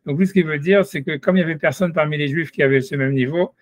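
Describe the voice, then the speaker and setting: A man gives a relaxed Talmud lesson, his slightly raised voice picked up close and dry. He works things out as he goes, stopping and restarting his sentences. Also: a little high, dry recording. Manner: halting, thinking aloud with many restarts. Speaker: Torah study teacher.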